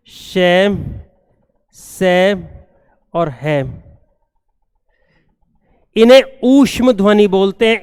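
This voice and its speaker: A man teaching a classroom grammar lesson, repeating each term slowly and checking that students have understood. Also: high-pitched, a little mellow, clear, resonant tone, studio quality. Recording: long hall reverb.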